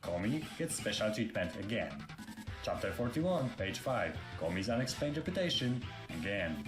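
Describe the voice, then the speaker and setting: A man's voice: on the low side, very animated, normal speed. A synthetic male text-to-speech robot voice narrating a video critique, reading chapter and page numbers in a clipped, listing way. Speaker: narrator of a played video essay. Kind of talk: flat list-style critique narration. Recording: roomy video clip with guitar music underneath.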